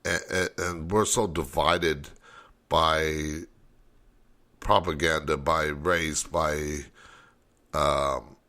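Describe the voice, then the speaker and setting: A man's voice: rumbling low, steady tone, extremely slow, long pauses, pushed and bright. A man hosting a late-night call-in talk show, rambling and thinking aloud as he goes.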